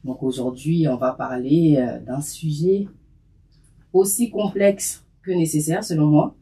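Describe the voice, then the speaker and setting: Give me a man hosting a discussion podcast, mellow and a bit hesitant. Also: fairly high pitch, a little slow. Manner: hesitant, many fillers. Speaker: podcast host.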